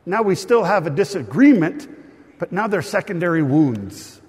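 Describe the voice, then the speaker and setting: Man, pastor, sermon, somewhat high voice, husky, lively and joking, hall reverb. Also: moderate pace.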